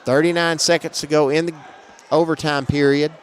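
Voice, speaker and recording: Male play-by-play announcer, slightly high voice, brisk game calls, faint gym noise behind. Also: level tone. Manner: brisk, matter-of-fact calls, raising his voice on big plays. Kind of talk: live basketball commentary.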